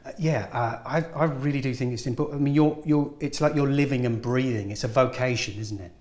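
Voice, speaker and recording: Male guest actor, mid-pitched, earnest and encouraging, recorded in an echoey room. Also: a little fast, a little mellow. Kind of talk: casual interview talk. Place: film studio at a school event.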